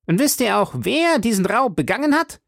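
A man voicing a suspicious, sharp-eyed male police commissioner who asks probing, doubtful questions. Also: very high voice, very animated, moderate pace, gravelly, no room sound, clean studio sound, pitched above the performer's own voice, heavily acted. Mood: interrogating.

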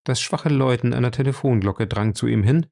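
A man narrating an audiobook in a measured, expressive reading style. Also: mid-range voice, vocal fry. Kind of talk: scripted narration.

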